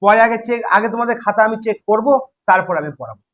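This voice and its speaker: A man's voice: high-pitched, quick pace, fairly bright tone, slight background noise, rough recording. A man with a Bengali accent teaching an English grammar class, drilling students with repeated questions.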